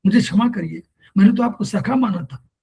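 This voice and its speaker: A man's voice: sits high, fairly quick, creaky, dark tone, slightly rough, rough recording. A man teaching naturopathy in a spoken lecture. He asks his listeners questions and recites Sanskrit verses as he goes.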